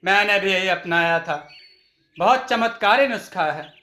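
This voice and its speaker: A man's voice: high voice, expressive, unhurried, sharp tone, full character voice. A man doing a sly scheming neighbor woman. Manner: sly, teasing. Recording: echoey room.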